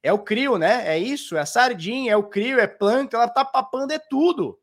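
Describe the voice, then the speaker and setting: A man from Santos, Brazil, offers casual crypto market commentary, teasing and mocking the viewer and constantly pointing things out with "ó." His voice is very high and expressive, at a normal speed.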